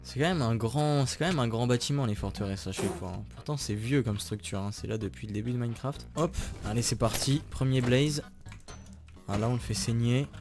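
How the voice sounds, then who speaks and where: A young man giving chatty, excitable commentary while playing a video game and talking to his viewers. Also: mid-range voice, brisk. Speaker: gaming YouTuber. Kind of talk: casual Minecraft let's play commentary. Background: background music.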